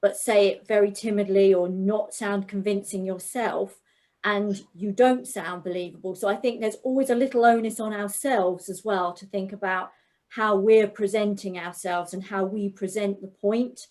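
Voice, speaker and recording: A woman's voice: mid-range voice, steady tone, moderate pace, darkish tone. A woman on a discussion panel giving reflective advice about confidence.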